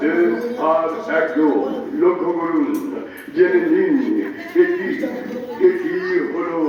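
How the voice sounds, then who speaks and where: Brief high-voiced male street announcer, slow drawn-out calls through a megaphone, echoey and distant. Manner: drawn-out, repetitive hawker calls. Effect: through a megaphone loudspeaker. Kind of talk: street miking promotion. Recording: echoey lo-fi loudspeaker from far off.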